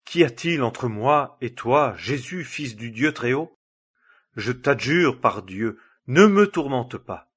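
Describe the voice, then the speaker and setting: A tormented man full of unclean spirits begs loudly not to be tormented, as a male reader voices him. The voice is husky and a little raised. It is a plain scripture reading with only a slight turn of voice. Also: medium pitch, expressive, measured pace. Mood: pleading. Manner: pleading loudly. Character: possessed man ruled by a legion of unclean spirits.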